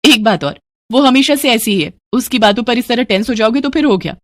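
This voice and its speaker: A woman doing a brisk, practical young wife. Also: fairly high pitch, animated, dry recording, studio quality, close to an everyday voice. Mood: chiding. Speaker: narrator voicing a character. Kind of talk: storybook narration.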